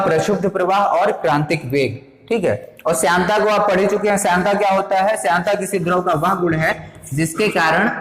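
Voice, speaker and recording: A male teacher explaining a lesson step by step, often pausing to check that his students follow. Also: high-pitched. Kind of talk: classroom physics lesson. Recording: echoey room with long reverb.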